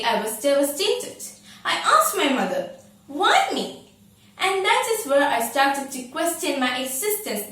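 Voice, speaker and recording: A woman's voice: sits high, fairly bright tone. A teenage girl declaiming a memorised speech as a student, with prim, precise elocution. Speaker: student contestant in a declamation contest. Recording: very echoey room, distant microphone.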